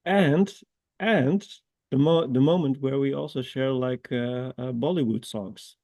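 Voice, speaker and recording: Gravelly, dark-voiced man sharing earnest views. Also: medium pitch, no room sound. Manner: earnest, measured, with hesitant fillers. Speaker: scrum trainer and guest. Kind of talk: online webinar discussion.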